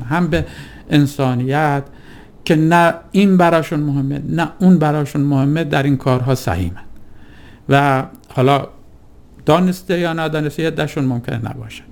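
A man giving a reflective religious talk in a deliberate, rhetorical way, piling up lists and questions. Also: on the high side, vocal fry, darkish tone.

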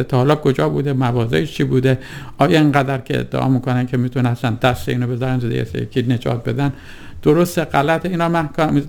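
A man giving a reflective religious talk in a deliberate, rhetorical way, piling up lists and questions. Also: a little high, vocal fry.

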